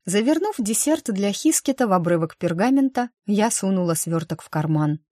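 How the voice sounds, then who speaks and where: A woman narrating a first-person audiobook in an even, lightly ironic storytelling manner. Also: medium pitch, normal speed, dry recording, studio quality.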